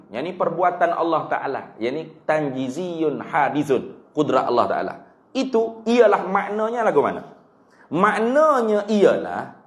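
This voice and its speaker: Animated Kelantanese Malay religious teacher. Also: male voice, on the high side, reverberant. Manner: animated, jokey, drills terms by repeating them. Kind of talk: kitab study class lecture.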